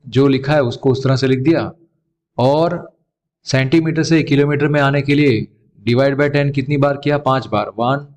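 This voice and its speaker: A man's voice: mid-range voice, moderate pace, darkish tone. A male teacher with an Indian English accent walks young students through a math lesson. His voice sits mid-range, and he keeps asking questions, then answering them himself in a patient classroom tone. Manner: addresses students as beta, asks and answers his own questions.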